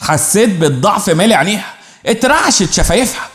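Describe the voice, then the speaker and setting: A man's voice: sits high, animated, fast, a bit bright. A man with an Egyptian accent narrating a dramatic first-person story with intense, repetitive phrasing. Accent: Egyptian Arabic. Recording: roomy echo.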